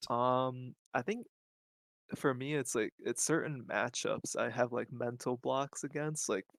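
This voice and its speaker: Casting: man, gravelly, hesitant answers, dry close sound. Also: medium pitch, measured pace, a bit bright, no room sound. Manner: hesitant, starts with "um". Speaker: player being coached. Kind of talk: casual coaching call. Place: home at night.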